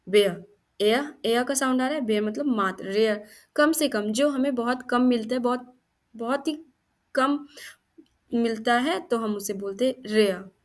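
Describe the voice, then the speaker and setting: A young woman explains English phonics at a very unhurried pace. She says each example word again and again and then gives its meaning, like a patient teacher. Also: a little high. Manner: slow, repeats each word several times, gives meanings.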